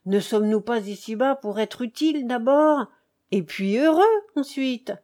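A woman voicing a cheerful, frivolous young French count, with a light and lively tone in an audiobook reading. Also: fairly high pitch, normal speed, natural voice. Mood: consoling.

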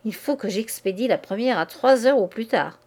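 A sharp, scornful young man snaps out his words with rough impatience, voiced by a woman reading a novel aloud. The voice sits somewhat high, and the telling is steady storybook narration. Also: moderate pace. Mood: scheming.

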